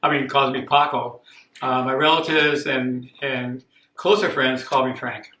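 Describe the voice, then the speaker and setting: Older man, from Costa Rica, home cooking demo, unhurried, roomy kitchen echo, noisy background. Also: medium pitch, steady tone. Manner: plain, unhurried, repeats himself. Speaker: cooking demonstrator. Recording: echoey kitchen with clear background noise.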